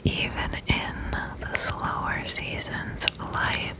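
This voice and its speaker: A woman giving an ASMR pep talk in whispers, soothingly repeating gentle affirmations. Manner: soothing, slow, repeats phrases. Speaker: ASMR host.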